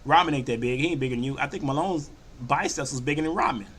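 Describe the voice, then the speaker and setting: An older man hosting a sports podcast, talking casually and loosely, often slipping into animated quoted voices. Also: mid-range voice, fast talker, slight background noise. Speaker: podcast host. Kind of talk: casual sports talk monologue.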